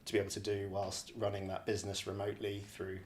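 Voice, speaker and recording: Hailing from the Scottish borders, he's a real estate director answering a podcast interview question casually and thoughtfully. He hesitates and keeps restating phrases. His fairly low voice is monotone and quick, with slight background noise behind it.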